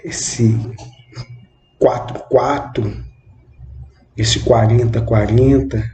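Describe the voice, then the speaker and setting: A young man in his twenties speaks slowly in a mellow, soft-edged voice. His phrasing is halting and measured, and he keeps tossing in little questioning tags. The room sounds roomy and echoey, with a faint hum of background noise. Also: mid-range voice, steady tone, highs cut off. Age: 20s. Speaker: channel host. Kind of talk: reflective spoken monologue.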